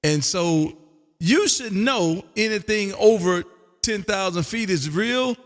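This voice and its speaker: In a big-sounding room with soft music behind him, an American man speaks slowly in a high, animated voice. He's an amateur radio operator hosting a live stream, chatting casually and folksily and often repeating his phrases.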